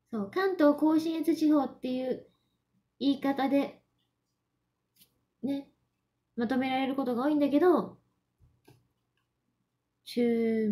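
High-voiced young Japanese woman chatting slowly. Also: mellow. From Yamanashi, Japan. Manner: mixes Mandarin and Japanese, giggly, reads viewer comments aloud. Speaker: idol livestream host. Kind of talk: casual livestream chat.

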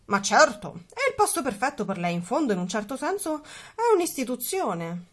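A woman voicing an easygoing father speaking slowly and reassuringly in a storybook. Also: high voice, big pitch swings, fairly bright tone, heavily acted.

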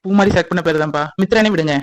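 A voice actor playing a fond young uncle and father in a cartoon, coaxing a crying baby with lively baby talk. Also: medium pitch, racing, no echo, dull audio, natural voice. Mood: urging. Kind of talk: cartoon voice acting.

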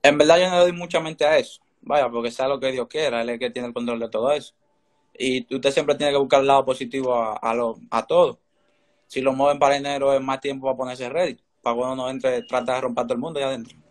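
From the Dominican Republic, this teenage interview guest talks fast with a mid-range voice and fairly even intonation. His answers are casual and carry a Dominican accent, captured over a video call in an indoor room by a phone or laptop close in front.

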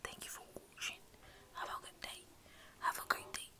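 A young woman doing ASMR in a fast whisper, hosting her own video. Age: young adult. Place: small bedroom.

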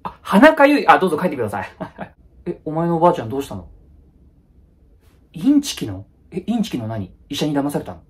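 Husky man with wildly swinging pitch. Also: wildly swooping pitch. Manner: quick blunt retorts, rough casual speech. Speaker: comedy YouTuber. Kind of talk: comedic solo skit.

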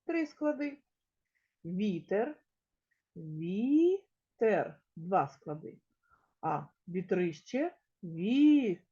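A woman teaching a small-children's lesson in a slow, sing-song way, stretching words out and sounding them out one by one. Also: medium pitch, sing-song, warm tone, slightly rough, lo-fi sound. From Ukraine. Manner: drawn-out, sound-by-sound word pronunciation. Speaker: kindergarten teacher.

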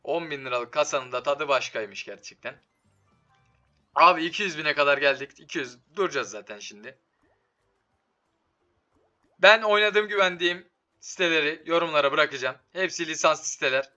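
A man's voice: a little high, lively intonation, moderate pace, pauses often, bright, forceful tone, dull audio. A man doing casual, slangy live commentary on a slot game, swearing and talking to it, his voice giving out from being a bit sick. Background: game music.

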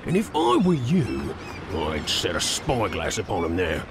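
A gruff old fisherman's ghost from a cartoonish video game. His voice sits low and moves around a lot, full of salty sea-dog talk. Game ambience runs behind him. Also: wildly swooping pitch, unhurried, noisy background, full character voice. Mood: gruff, advising.

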